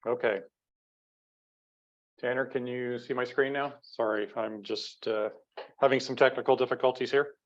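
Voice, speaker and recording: A man presenting in a webinar, captured as a screen recording of the video call. His voice sits at a middling pitch and sounds muffled and lo-fi, as a computer mic does. He talks haltingly and fills his pauses with "uh" and "um.". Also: steady tone. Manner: halting, many "uh" and "um" fillers. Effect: screen-recorded webinar audio over a video call. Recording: dull lo-fi video call audio.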